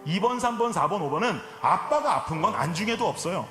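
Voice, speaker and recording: A man in his forties preaches a sermon in a reverberant church sanctuary while soft music plays behind him. His voice sits very high for a man and moves in lively swings. He shifts from relaxed storytelling into impassioned, shouted appeals. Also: brisk. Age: 40s. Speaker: pastor. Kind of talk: sermon with personal anecdote.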